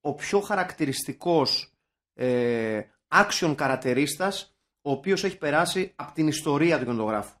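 A young man from Greece trades casual banter on a podcast. His voice sits high and swings up and down as he launches into jokey, profane rants. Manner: animated, swearing, jokey rants. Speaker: podcast co-host. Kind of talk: casual chat.

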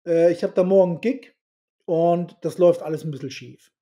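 A middle-aged man with a dark, mellow voice, speaking as a podcast guest. He tells his stories bluntly, swears offhandedly, and acts out the dialogue of the people he quotes. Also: on the high side, fairly quick. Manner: animated storyteller who acts out quoted dialogue; blunt and salty, swears casually. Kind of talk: casual storytelling interview.

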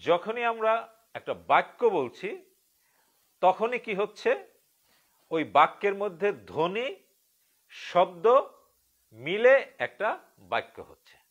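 His voice is high-pitched and a bit bright, with big swings in pitch. A Bangladeshi man giving a live-streamed meditation lecture, he speaks slowly and with intent, dwelling on key words and addressing questions to his listeners.

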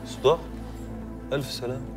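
An actor playing an exasperated young husband, speaking Egyptian Arabic in a film drama. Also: male voice, mid-range voice, steady tone, fairly quick, loud music behind the voice, close to an everyday voice. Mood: affectionate. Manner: pleading, exasperated.

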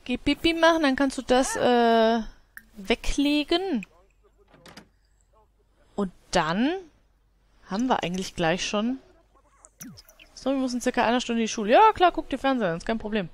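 A woman's voice: on the high side, expressive, moderate pace, long pauses. Chatty woman narrating her game. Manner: chatty, talks to her game characters, laughs often. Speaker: let's play gamer. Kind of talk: casual gameplay commentary.

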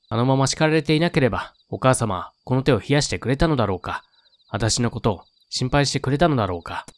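Calm man reading a horror game aloud. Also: mid-range voice, dry recording. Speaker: game reader and streamer.

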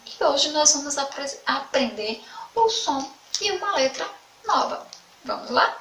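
Slow, sing-song woman teacher, echoey room. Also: sits high, lively intonation, a bit bright. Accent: Sergipe Brazilian Portuguese. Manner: slow, sing-song, repeats words for children. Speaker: primary school teacher. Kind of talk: online children's lesson. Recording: echoey room, mic at a distance, faint background noise.

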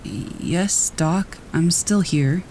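A man voicing a dying old man in his sixties, speaking in a weak, strained croak, slow and faint. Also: fairly high pitch, a little mellow, slight background noise, rough recording. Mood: fading, peaceful.

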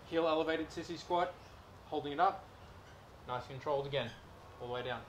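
A man's voice: on the high side, a little hiss or hum. A young man, a personal trainer, demonstrating home exercises in a garden while talking to a far camera. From Australia. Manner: relaxed, coaching while doing reps.

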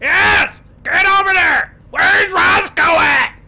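A man playing a fat, blustering, irate county boss in game roleplay, with a raspy, strained voice. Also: extremely high pitch, slow pace, sharp tone, shouting, slight background noise, exaggerated voice. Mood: frantic, barking. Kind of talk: improvised online game roleplay.

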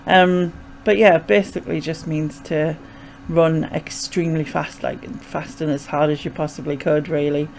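The audio is poor as a young vlogger with a low voice talks at a moderate pace with fairly even intonation and few pauses. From North East England, she has a Sunderland Mackem accent and explains things casually, hesitantly and ramblingly. She is in a small bedroom, close to a desk microphone with a pop filter.

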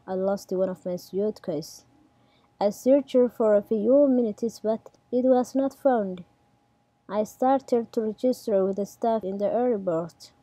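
A young Somali-accented woman reads her personal story in a plain, measured way, her English simple and non-native. Her voice is very dark and mellow, recorded dry and close with no room sound. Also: medium pitch, no room sound. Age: 20s. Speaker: immigrant storyteller. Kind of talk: read personal narration.

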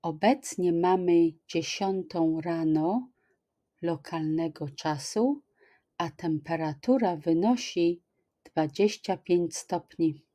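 A middle-aged woman teaching language, repeating each phrase slowly and clearly, at home on a webcam. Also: on the low side, warm tone. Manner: slow, careful, clearly articulated repetition. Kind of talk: extra slow language lesson, repeating phrases.

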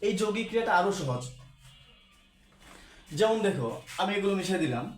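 A man's voice: sits high, lively intonation, brisk, faint music behind. A man teaching a grammar lesson to a class, asking questions and repeating the key terms. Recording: echoey room.

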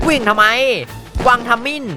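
A man streaming a horror hunting game, reacting with excitable, jokey exclamations and running commentary. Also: moderate pace, over music. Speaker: gaming streamer.

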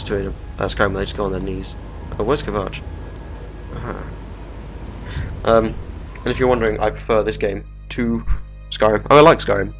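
A young man stuffed up with a cold chats casually through a let's play, swearing now and then. His voice runs fairly low, and the desktop-microphone audio is poor, with game music playing beneath him.

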